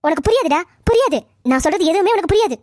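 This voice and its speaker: Super high fast cartoon mom, a woman doing the voice, whiny and defensive, dead dry sound. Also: expressive, dark tone, dry recording. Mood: aggrieved. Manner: rapid, shrill, pleading and quarrelsome. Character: scolding middle-aged mother, defensive and tearful. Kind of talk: cartoon family drama voice acting.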